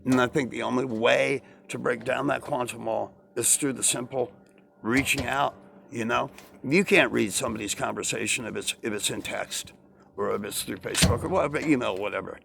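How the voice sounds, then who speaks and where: A man's voice: mid-range voice, moderate pace, vocal fry, noisy background. A man talking in a rambling casual monologue, repeating himself and asking rhetorical questions. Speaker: vlogger.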